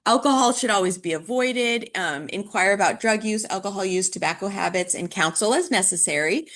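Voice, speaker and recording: A woman's voice: mid-range voice, animated, fairly quick, fairly bright tone. A woman teaching dental hygiene in a conversational lecture style, with frequent fillers and restarts. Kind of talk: recorded classroom lecture.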